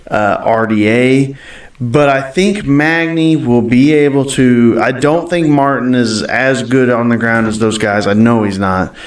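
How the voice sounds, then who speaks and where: Opinionated man, roomy distant sound. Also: medium pitch. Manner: opinionated, frequent fillers. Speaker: podcast co-host. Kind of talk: casual fight-picks chat. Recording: echoey room, off mic.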